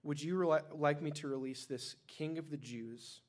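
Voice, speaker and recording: A man's voice: fairly high pitch, steady tone, moderate pace, natural voice. A man reading the lines of a stern Roman governor in a scripture reading, with a questioning, slightly raised delivery.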